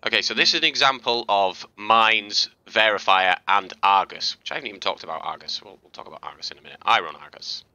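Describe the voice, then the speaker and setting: A man casually talking through game footage as a tutorial host, chatty and relaxed, with fillers and restarts. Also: on the low side, quick pace, few pauses, dry recording, lo-fi sound. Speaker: gaming video host. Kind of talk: casual gameplay commentary and tutorial.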